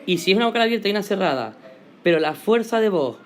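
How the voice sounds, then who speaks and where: A male teacher with a Spain Spanish accent, patiently explaining a grammar lesson and slowly stressing example words. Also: high voice, lively intonation.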